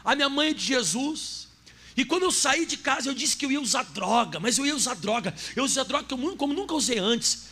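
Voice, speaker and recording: A man's voice: extremely high pitch, lively intonation, brisk, sharp tone, pitched above the performer's own voice, full character voice. A man acting out a distraught young man who cries and pleads about his mother, in a raised voice.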